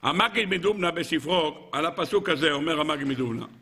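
A man teaching as a rabbi, telling a parable in a lively way and asking his audience rhetorical questions. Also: on the high side. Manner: lively storyteller who acts out characters. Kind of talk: Torah lesson with a parable.

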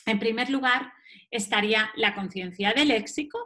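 A woman's voice: a little high, moderate pace, sharp tone. A woman from giving a recorded lecture, explaining step by step and answering her own questions. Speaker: teacher.

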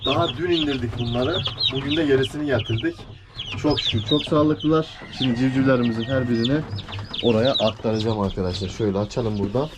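A fast-talking man with a medium-pitched voice films his poultry at an outdoor coop using a head-mounted camera, a poultry-keeping vlogger chatting casually with viewers. He uses affectionate baby talk with his dog and chicks, while loud chickens and roosters create heavy farmyard noise behind him.

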